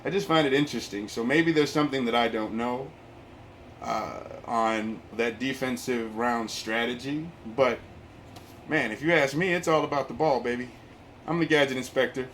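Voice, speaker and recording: A man gives a casual vlog talk with his voice coming through a face mask. His pitch is average and his delivery rambles, with hesitations and repeated words. Noticeable noise sits behind him. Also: moderate pace, a bit bright. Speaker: video host. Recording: clear background noise.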